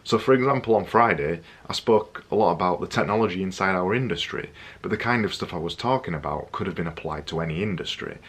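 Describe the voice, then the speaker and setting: A young man with a low, slightly husky voice gives presentation tips straight to camera. He talks energetically and jokes around, hammering his points home by repeating them. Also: fast talker, hardly any pauses. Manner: energetic, jokey, repetitive emphasis. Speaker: vlogger giving presentation tips. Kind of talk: casual to-camera vlog.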